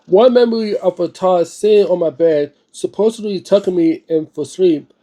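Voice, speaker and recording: With a high, mellow voice, a man reads aloud from a book in a loose, informal style. He stumbles over words at times and adds his own off-the-cuff remarks along the way.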